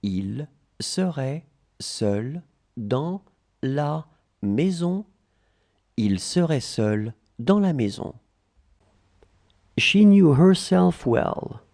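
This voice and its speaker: A language tutor dictates very slowly in a dark, gravelly voice with lively pitch, repeating phrases chunk by chunk.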